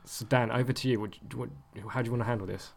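A man's voice: mid-range voice, steady tone, fast, vocal fry. A man co-hosting a podcast, talking casually with lots of ums and easy laughs. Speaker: podcast co-host. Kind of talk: casual chat.

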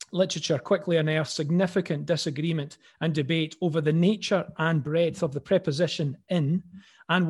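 Glaswegian man, slightly high voice. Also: a little mellow. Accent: Glaswegian Scottish. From Scotland. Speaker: academic paper presenter. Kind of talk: reading an academic paper, with informal opening remarks.

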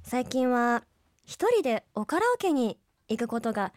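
A woman's voice: a little high, sing-song, measured pace, a little mellow, no room sound, studio quality. A woman leading a group chat, talking in an exaggerated posh ladylike manner. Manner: mock-posh ladylike speech, chatty.

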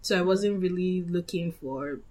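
A young woman from Nigeria in a relaxed conversation, with a slightly low voice. She talks in a meandering way, doubling back and correcting herself mid-sentence. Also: a little slow. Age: young adult. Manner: chatty, meandering, with frequent self-corrections. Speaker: guest. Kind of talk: casual chat.

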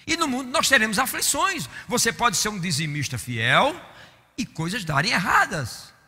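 A man preaching a sermon, impassioned, swinging from loud exclamations to quiet mock-weary asides. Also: sits high, very animated, normal speed, slightly rough. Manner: impassioned, rising to shouts and dropping to mock-weary murmurs. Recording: long hall reverb.

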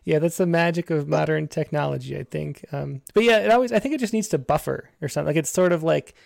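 Man with creaky voice, hosting casually. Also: a little high, fast talker, darkish tone, no echo, studio quality. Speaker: host of online poetry show. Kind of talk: casual hosting and poem reading.

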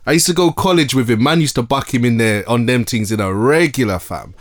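A man's voice: mid-range voice, fairly quick. A man, co-hosting a casual podcast and reminiscing in slang. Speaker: podcast co-host. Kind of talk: casual chat.

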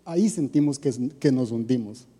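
A man's voice: mid-range voice, moderate pace, mellow, slightly rough, long reverb tail. A man giving a conversational sermon, often putting rhetorical questions to his listeners. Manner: asks the audience rhetorical questions. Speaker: preacher.

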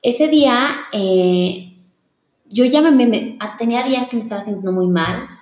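A woman's voice: a little high, moderate pace, a little mellow. A woman in her thirties, a wedding planner, candidly telling a personal story as an interview guest, earnest and confiding, often restarting her sentences. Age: 30s. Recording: roomy echo.

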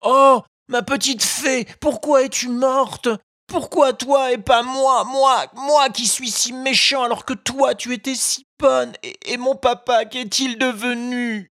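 Woman doing a high-voiced, impulsive wooden puppet boy for a storybook reading, all pleading cries; dry, close sound. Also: measured pace, no room sound. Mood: grief-stricken.

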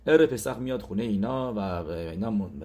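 A man's voice: fairly low pitch, animated, dark tone. A man giving a sermon as a religious teacher, retelling a story animatedly with acted-out quotes.

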